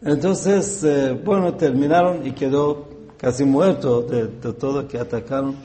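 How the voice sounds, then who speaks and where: A man giving a religious talk, telling a story in a halting way with frequent fillers and throat-clearing. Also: medium pitch, mellow. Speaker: religious teacher.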